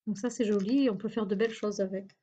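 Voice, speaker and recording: Chatty woman with a mellow voice. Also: medium pitch, steady tone, quick pace, highs cut off. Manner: chatty, hesitant, searching for words with many fillers. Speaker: YouTuber showing a shopping haul. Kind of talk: casual haul video chat.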